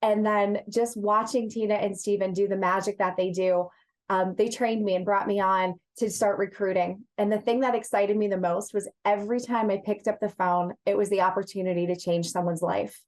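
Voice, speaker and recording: A woman's voice: mid-range voice, steady tone, moderate pace. A woman answering as an interview guest, talking about her work in an earnest, emphatic way with repeated phrases. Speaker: interview guest, executive search partner and HR director.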